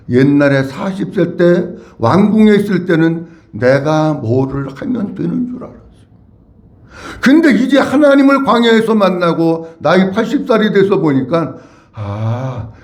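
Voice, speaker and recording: A male pastor preaching a sermon in a church, telling the story expressively and leading the congregation in call-and-response repetitions. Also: sits high. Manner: expressive storytelling, acting out quotes. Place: church sanctuary.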